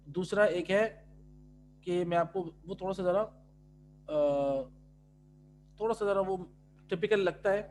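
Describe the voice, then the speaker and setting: A man teaching pronunciation in an online class, stretching out individual letter sounds loudly between calmer explanations. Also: high-pitched, long pauses, soft background music. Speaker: tajweed teacher.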